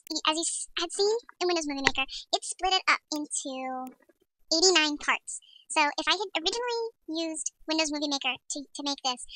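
A woman's voice: high-pitched, pushed and bright, no echo, poor audio. A woman's voice sped up into a chipmunk voice, chatting casually as she walks through a video tutorial and talks to herself while editing. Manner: chatty, rambling, self-talking while editing. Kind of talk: casual screen-recording tutorial.

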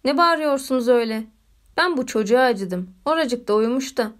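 A woman's voice: high voice, fairly quick, natural voice. A woman voicing a grown woman who teases and mocks two boys with playful scorn. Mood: teasing. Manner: mocking, playful. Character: teasing, mocking grown woman.

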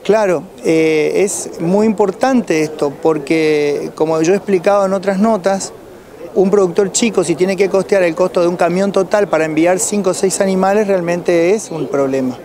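Middle aged argentine guy, pretty high voice, talking to a reporter outside. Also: moderate pace, a crowd in the background. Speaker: president of a rural producers' federation, interviewee. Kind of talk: on-site news interview, unscripted answers. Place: outdoors at cattle auction pens. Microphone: handheld reporter's microphone.

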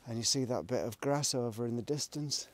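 This is a middle-aged cycling vlogger chatting as he rides forest trails, rambling with self-directed asides in a brisk, mid-range voice. The audio comes from a small pocket camera fixed to his bike frame and is noisy, as outdoor camera recordings tend to be.

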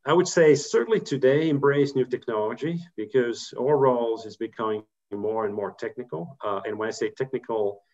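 With a mid-range, darkish voice, this man talks at a normal speed with few pauses. A corporate treasurer from Belgium in his fifties, he gives career advice on a muffled video call from home, speaking thoughtfully but with frequent fillers and restarts.

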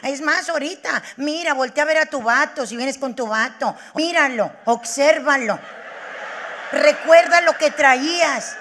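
A woman with a Mexican accent doing stand-up comedy, brash, profane and rapid-fire. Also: high voice, pushed and bright, big-room sound.

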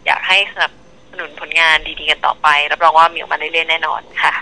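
A young woman singer speaking politely in a phone-in radio interview, soft and chatty. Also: low-pitched, monotone, fast talker. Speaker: singer guest. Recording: tinny phone line.

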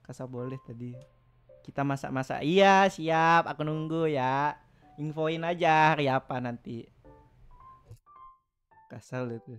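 A young man streaming casually, teasing his chat and laughing often, with sudden loud outbursts. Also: on the high side, measured pace, pauses often, smooth, faint music behind. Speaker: VTuber streamer. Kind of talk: casual live stream chat reading viewer messages.

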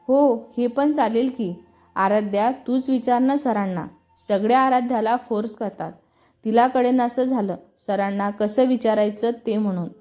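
A woman's voice: a little high, dark tone. A woman with a Marathi accent reading a story aloud and voicing every character's lines in her own voice. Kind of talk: scripted story narration voicing all characters.

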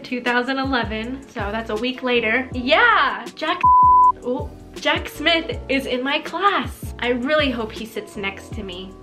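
Young woman, slightly high pitch, embarrassed reading aloud, amused asides and exclamations, vlog style, music behind. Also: fairly bright tone. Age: young adult. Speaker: vlogger. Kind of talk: reading her childhood diary aloud with commentary. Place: small decorated room indoors. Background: background music.

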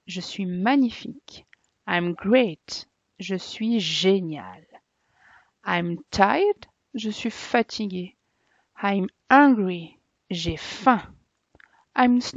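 A woman's voice: mid-range voice, animated, very slow, no room sound. A woman teacher giving a children's vocabulary lesson, saying each word and then translating it. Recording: dry, dull lo-fi recording.

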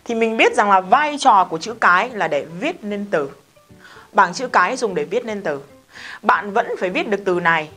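A woman's voice: mid-range voice, expressive, moderate pace, sharp tone, soft background music. A woman, teaching an English lesson in a casual, emphatic way and often asking her students questions. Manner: chatty, emphatic, talks straight to students with questions.

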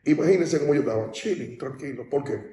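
The speaker is a Dominican pastor giving a baptism sermon in a large hall, talking conversationally and often checking comprehension with "¿entiendes?". He has a fairly high, mellow voice with lively intonation and speaks fast. He is off-mic and distant, the hall echoes, and there's a little hiss or hum.

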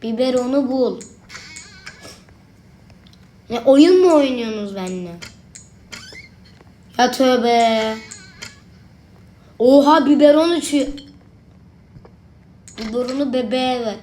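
A young woman with a slightly high voice gives let's-play commentary into a desk mic. She is chatty and jumpy, and she keeps talking back to the game. A faint hum sits under her voice. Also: slow pace, long pauses, mellow. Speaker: gaming video creator.

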